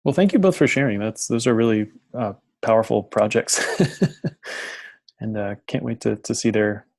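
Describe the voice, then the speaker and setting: A man talks through an information session on a video call. His voice has a gravelly, creaky texture and a dry sound with no room around it. He speaks in a halting way and often restarts his phrases mid-thought. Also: lowish voice, a little mellow, dry recording. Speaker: program coordinator presenting an information session. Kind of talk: presenting to an online audience.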